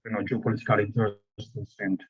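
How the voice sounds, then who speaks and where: Halting man presenting a paper. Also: lowish voice, little pitch movement, slightly rough, dull audio. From Ethiopia. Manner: halting, frequent "you know" and restarts. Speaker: conference panelist. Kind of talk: academic conference presentation.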